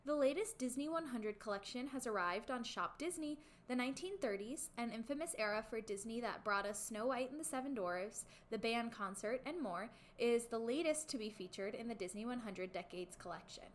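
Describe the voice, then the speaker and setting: A woman's voice: fairly high pitch, animated, brisk, hardly any pauses, a little hiss or hum. A woman co-hosting an entertainment news podcast, switching between reading promotional copy and casual reactions. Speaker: podcast co-host.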